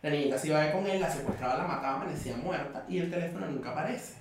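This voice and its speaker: A Venezuelan man, a podcast guest, telling stories in a lively, slangy, laughing way. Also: a little high, very fast, recorded from a distance, noisy background. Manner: animated storytelling, laughing, slangy. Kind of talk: casual chat. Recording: echoey room, off-mic, chatter behind.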